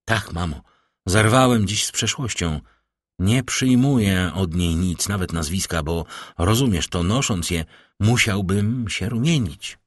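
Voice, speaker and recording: A proud young nobleman speaks firmly and earnestly, as a male narrator reads him. The voice is very deep and dry, close to the mic. He is heard in an audiobook. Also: measured pace, no echo. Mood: earnest resolve.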